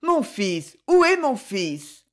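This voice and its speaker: A young widow in terror and revolt, as a woman narrator acts her out, her voice pitched high, hoarse and trembling. She cries out her lines with raw desperation, the sound of a dramatic audiobook scene. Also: very animated, a little slow. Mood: desperate.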